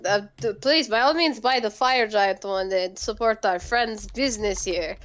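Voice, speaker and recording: A woman playing a tabletop role-playing game, speaking casually in character with halting, polite phrasing. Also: mid-range voice, fairly bright tone, slight background noise.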